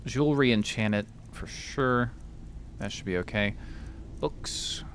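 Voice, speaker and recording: A man's voice: on the low side, a little slow, background noise. A man giving let's play commentary with rambling, joking asides. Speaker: gamer.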